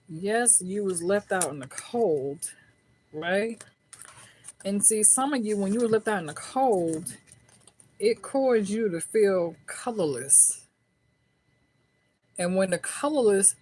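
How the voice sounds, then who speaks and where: With a deep voice and slight background noise, a middle-aged tarot reader chats through a casual reading in a folksy, colloquial American way. She swears freely, and "right?" keeps coming up as she checks in.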